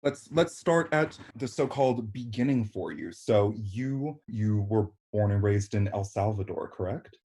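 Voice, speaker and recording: A man's voice: lowish voice, lively intonation, a little slow, few pauses, dark tone. A man in his thirties from Canada, hosting a podcast in a chatty, effusive way full of fillers. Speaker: podcast host. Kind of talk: casual interview chat.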